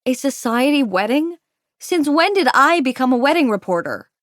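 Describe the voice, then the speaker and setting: A woman's voice: sits high, big pitch swings, normal speed, fairly bright tone, no echo, clean studio sound. A woman voicing a determined, indignant young woman reporter in an audiobook, with the spirited delivery of a cozy mystery narrator. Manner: spirited, protesting. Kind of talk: audiobook character dialogue.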